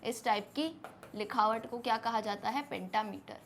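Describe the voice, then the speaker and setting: A young Indian woman teacher explaining a poem to students in a lively way, asking them questions as she goes. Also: fairly high pitch, moderate pace. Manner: lively, asks questions to students, mixes Hindi and English. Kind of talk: classroom lesson explanation.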